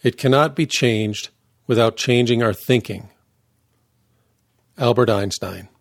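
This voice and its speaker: A man narrating his own first-person memoir in a measured, deliberate reading voice. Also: medium pitch, creaky, no room sound, studio quality.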